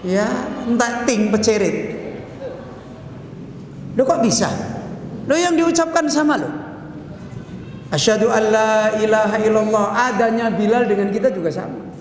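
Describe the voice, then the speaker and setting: A man's voice: sits high, a little slow, long pauses. A man preaching a sermon in a mosque hall, asking his listeners rhetorical questions and answering them himself. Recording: echoey hall with long reverb, faint noise.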